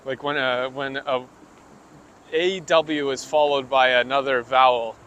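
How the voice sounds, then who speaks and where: A man's voice: medium pitch, steady tone, fairly bright tone. A man hosting a livestream, chatting casually and joking with internet slang as he walks outdoors. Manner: jokey, quick, internet slang. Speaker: livestream host. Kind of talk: casual chat while walking. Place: outdoors on city streets. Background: faint street noise.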